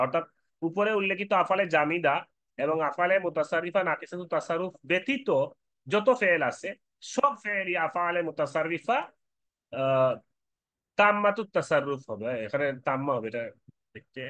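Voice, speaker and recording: A man's voice: fairly high pitch, fairly bright tone, no echo. A man teaching an Arabic grammar lesson from a sheet, repeating terms and reciting lists of word forms.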